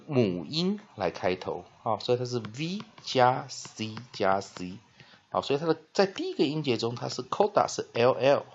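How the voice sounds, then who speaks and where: A man with a Taiwanese Mandarin accent teaching English vocabulary, spelling out letters and slowly repeating each word, with many "ah" fillers between phrases. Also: mid-range voice, slightly rough. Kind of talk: classroom-style vocabulary lesson. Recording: dull lo-fi recording.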